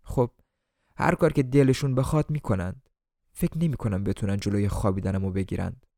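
A man voicing a tired, blunt waitress who talks in a weary, sharp-tongued way. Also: fairly low pitch, gravelly, no room sound, clean studio sound.

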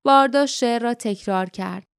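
Clear-voiced woman reading an audiobook. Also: dry recording, studio quality. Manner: reads dialogue in light character voices, raising pitch for quotes. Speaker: audiobook narrator. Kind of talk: scripted narration.

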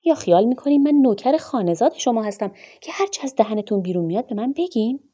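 Storybook: woman doing an enraged, proud male doctor; yelling, husky, loud. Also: mid-range voice, lively intonation. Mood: furious, shouting. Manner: shouting angry tirades. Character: furious grieving male doctor, bitter and proud.

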